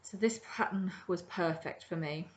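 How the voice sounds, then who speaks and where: The audio is dull as a middle-aged woman with a lowish voice talks at a moderate pace. She hosts a crafting podcast indoors from her home kitchen, rambling chattily through a casual show-and-tell of her projects with lots of ums.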